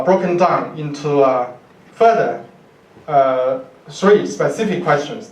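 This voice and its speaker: Standing at a podium in a university lecture room, a Chinese-accented male professor reads his academic lecture from notes in a slow, halting way, with repeated words. His voice is a little high, and the far camera mic captures a roomy, distant sound.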